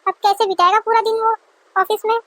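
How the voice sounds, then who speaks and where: A woman voicing a nagging, quick-tempered middle-aged mother-in-law who scolds sarcastically, in a dry close recording. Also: very high voice, level tone, fairly bright tone, dry recording. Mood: scolding.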